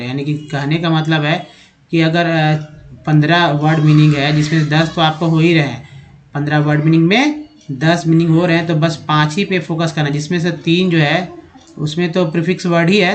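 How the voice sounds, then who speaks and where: Patient guy teaching english vowels in hindi, spells stuff out letter by letter, kinda high voice. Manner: patient, repetitive explaining, spelling words out letter by letter. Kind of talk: Hindi video lesson on English vowel sounds.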